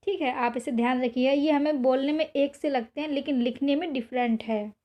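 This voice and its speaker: A woman with a high voice runs an exam-prep spelling lesson. She draws each word out slowly and says it more than once. She keeps telling her students to remember it. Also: fairly even intonation, highs cut off. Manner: repetitive, drawn-out spelling of words; reminds students again and again. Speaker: teacher.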